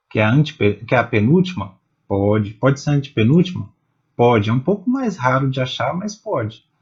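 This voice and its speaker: A man teaching poetry, explaining slowly and patiently and spelling out syllables one at a time. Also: medium pitch, darkish tone, slightly rough, highs cut off. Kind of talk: explaining step by step.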